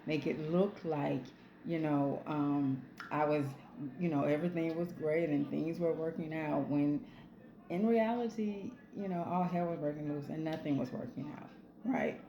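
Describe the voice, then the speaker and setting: Low-voiced woman giving casual pep talk. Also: steady tone, measured pace, dark tone, roomy sound, slight background noise, poor audio. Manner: conversational, frequent "right?" and "um". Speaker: self-help channel host. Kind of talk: casual motivational talk to camera.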